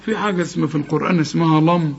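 A man with an Egyptian accent teaching Quran recitation one to one. He corrects his student, recites words slowly to show each rule, and asks and answers his own questions. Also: on the high side, creaky, husky, lo-fi sound. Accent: Egyptian Arabic.

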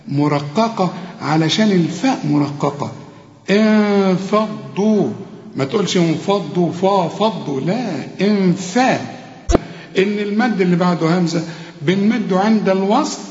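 A man with an Egyptian accent teaching Quran recitation rules, correcting pronunciation and repeating words slowly. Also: high voice, darkish tone. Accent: Egyptian Arabic. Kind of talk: tajweed lesson with recited examples. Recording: echoey muffled room recording.

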